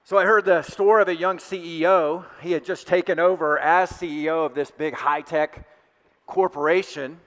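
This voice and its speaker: Male pastor, sermon, conversational with fillers, slightly high voice, long church-hall reverb. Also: steady tone, normal speed, a bit bright. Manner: conversational, with frequent fillers and restarts. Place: church sanctuary.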